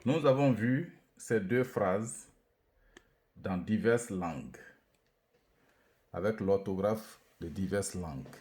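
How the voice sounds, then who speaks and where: A man giving a lecture on a new alphabet, speaking slowly and deliberately and repeating syllables to demonstrate their sounds and tones. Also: fairly low pitch, expressive, a little mellow. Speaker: language teacher presenting an alphabet. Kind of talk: lecture with slow syllable-by-syllable reading drills.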